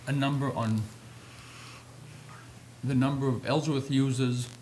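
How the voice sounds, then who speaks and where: A man's voice: mid-range voice, fairly even intonation, unhurried, a little mellow, a little hiss or hum. An American man politely asking questions as an official at a public meeting.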